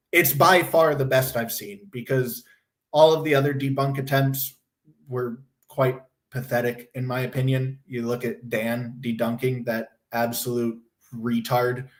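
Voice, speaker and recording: A young livestream host rambles casually from point to point, his middle-pitched voice hoarse and going from a sore throat. He talks bluntly and swears without a second thought.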